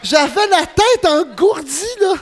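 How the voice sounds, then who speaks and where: A man with a Quebec French accent, telling a comic story in an excitable way, laughing and letting out yelps. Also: extremely high pitch, slow, slight background noise. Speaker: radio host.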